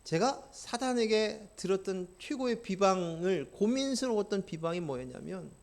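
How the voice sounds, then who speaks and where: Guy preaching a sermon, fairly high voice, gets really fired up then drops quiet, keeps asking the church questions. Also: animated, normal speed. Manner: impassioned, swings from quiet to loud; asks the congregation questions. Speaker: pastor.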